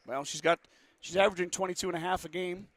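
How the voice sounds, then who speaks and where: A man calling high school basketball play-by-play with a sore throat, talking quickly and rising with the action. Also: steady tone, a bit bright, no echo. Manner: quick play-by-play, rising with the action, reads sponsor ads fast. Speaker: play-by-play announcer. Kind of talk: local radio basketball commentary.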